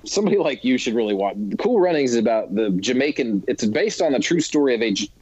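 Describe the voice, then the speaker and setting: A man's voice: mid-range voice, very animated, quick pace, a little mellow, slightly rough, no room sound, lo-fi sound. A man in his thirties co-hosting a sports podcast in casual chat, rambling with many restarts. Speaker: podcast co-host.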